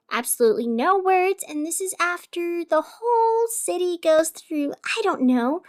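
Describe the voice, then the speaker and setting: In a scripted audio drama, an actress with a high female voice plays a young fictional radio host who is wry and wounded. Her delivery is sardonic and theatrical, marked by deliberate pauses.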